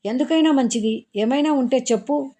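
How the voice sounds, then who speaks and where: A woman's voice: sits high, fairly quick, mellow, voice pushed up. A woman reading a story aloud, voicing a teasing, blunt young woman who pokes at her friends with probing questions.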